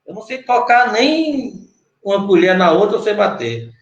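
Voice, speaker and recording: A man's voice: high-pitched, expressive, moderate pace, highs cut off. A Brazilian man, a cordel poet, teaching an online workshop patiently and step by step, often checking in with his guest. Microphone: video call. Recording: roomy echo.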